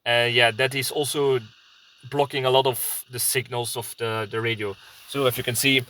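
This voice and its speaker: Sitting in a parked car, a prepper video blogger with a Belgian accent rambles casually in vlog style, hesitating and searching for words. His mid-range voice has a flat delivery at a moderate pace, with a bright, forceful tone.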